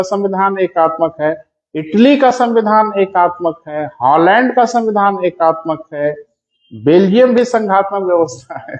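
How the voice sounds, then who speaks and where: A male teacher giving a classroom lecture, calling his students "beta" and slowing down so they can take notes. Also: high-pitched, darkish tone. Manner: addresses students as "beta", dictating slowly. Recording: echoey dull classroom audio.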